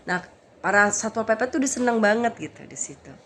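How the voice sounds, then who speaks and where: A woman's voice: fairly high pitch, animated, a little fast, a bit bright, a little hiss or hum. A woman vlogger and street evangelist who tells a story in casual vlog style and keeps addressing her viewers as brothers and sisters.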